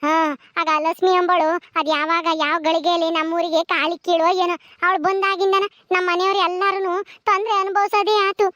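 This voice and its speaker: A tearful, vengeful young village granddaughter, played by a woman with a rural Tumakuru Kannada accent. She pleads and complains in a very high, thin voice. The recording is close and dry. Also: level tone, brisk, a bit bright, no room sound, dull audio. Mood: bitter. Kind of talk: village family drama acting.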